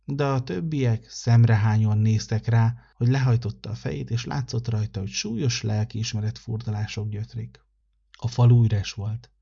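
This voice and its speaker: Husky-voiced male storyteller, calm measured reading, dull lo-fi recording. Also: medium pitch. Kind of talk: read-aloud children's story.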